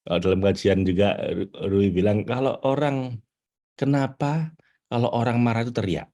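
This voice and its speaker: A middle-aged man giving a lively spiritual teaching talk to an audience, jumping to high excited bursts and slowing down to read quotes. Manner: animated, rising to high excited bursts, reads quotes slowly. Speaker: spiritual trainer.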